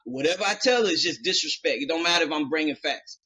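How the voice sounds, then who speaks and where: A man's voice: a little high, fast talker, slightly rough. A man hosting a podcast, telling a long story in a loose, rambling way with lots of fillers and acted-out quotes. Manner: animated retelling, acting out quoted dialogue. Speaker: podcast host. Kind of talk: casual storytelling.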